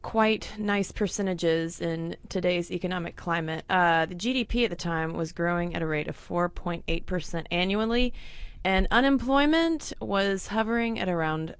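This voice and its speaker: A woman's voice: on the low side, normal speed, clear, resonant tone, no room sound. A woman co-hosting a casual chat, reading out facts and figures with playful asides. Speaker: podcast co-host.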